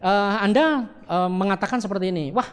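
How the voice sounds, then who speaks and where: Man, quick-talking sales trainer, fairly high voice, long echo of a hall, acts out sample phone calls. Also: animated. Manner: addresses the audience directly, repeating reminders. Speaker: network marketing trainer. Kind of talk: spoken training lesson.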